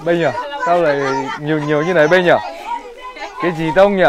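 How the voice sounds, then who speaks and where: A man's voice: a little high, steady tone, fast. A man with a Northern Vietnamese accent hosting a casual vlog outdoors in a village, chatting playfully and teasing as he talks to his viewers. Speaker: vlog host. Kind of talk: casual handheld vlog narration. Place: outdoors in a village among children. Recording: outdoors with a crowd of children behind.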